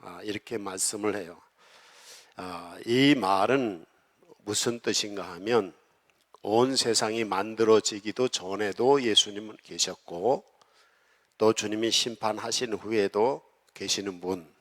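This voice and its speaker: Preaching in a church sanctuary, a male pastor swells and drops in volume as he draws responses from the congregation. His voice is lowish and unhurried, and his delivery is emphatic. A long hall reverb fills the recording.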